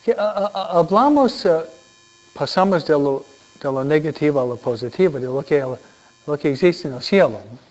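A man's voice: a little high, lively intonation, moderate pace, darkish tone. A male priest giving a humorous homily, full of jokes, laughing often and checking in with his listeners by asking "¿no?". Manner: chatty, laughing, frequent tag questions. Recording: dull lo-fi recording.

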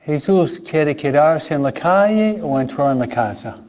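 Priest, man; slow, questioning catechism talk to kids, acts out small dialogues; muffled recording. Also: a little high, lively intonation, a little mellow. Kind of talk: catechism talk to children and parents. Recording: dull lo-fi recording.

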